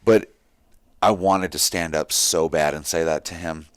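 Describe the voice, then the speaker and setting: A man's voice: low-pitched, steady tone, a little slow, clean tone, no echo. Blunt man, dry close voice. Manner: blunt, profane storytelling. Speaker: guest. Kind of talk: casual chat.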